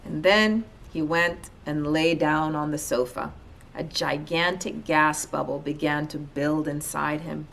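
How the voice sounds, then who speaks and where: A woman with a slightly low voice reads a children's storybook aloud. Her narration is expressive, shaped for young listeners. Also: measured pace, vocal fry, a little hiss or hum. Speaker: storybook reader.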